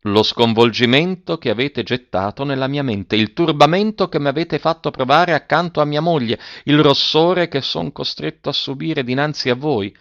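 A man voicing a troubled married nobleman who speaks in a restrained, halting way in a storybook reading. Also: fairly high pitch, no room sound, pitched above the performer's own voice, lightly acted. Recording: dull lo-fi audiobook recording.

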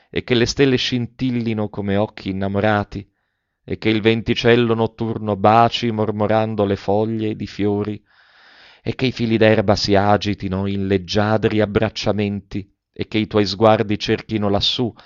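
A man's voice: on the low side, clean tone, dry recording, lo-fi sound, natural voice. A man playing a bashful lovestruck young cousin. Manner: earnest, flowery, halting.

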